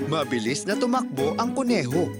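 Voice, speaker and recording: Children's story narrator, expressive, moralizing, lively pitch, music in background. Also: fairly quick.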